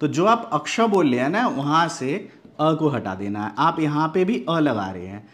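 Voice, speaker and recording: A man from Bihar teaches an online grammar lesson, his voice sitting a little high for a man. He walks through each point methodically, posing rhetorical questions and checking in with a frequent "okay". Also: big pitch swings, moderate pace, fairly bright tone. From Bihar, India. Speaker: Hindi teacher.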